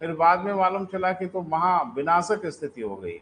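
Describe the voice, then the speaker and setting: A male teacher in a live online class, his voice sitting a little high. He talks to his students in a chatty way, calling them "beta" and repeating sentences slowly for note-taking. Faint background noise runs underneath. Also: big pitch swings, fairly bright tone, poor audio. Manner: explains then repeats sentences slowly for dictation; addresses students as "beta", conversational asides.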